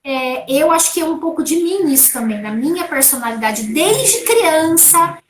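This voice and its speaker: A woman from Brazil, a guest speaker, answering interview questions from home in a relaxed, anecdotal way. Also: sits high, moderate pace. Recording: echoey room.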